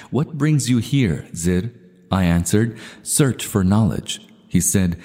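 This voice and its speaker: A man reads religious texts aloud in a measured, formal recitation and adds his own commentary. His voice sits low and sounds warm and dark. A long reverb trails each phrase. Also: husky. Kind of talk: scripted reading with commentary.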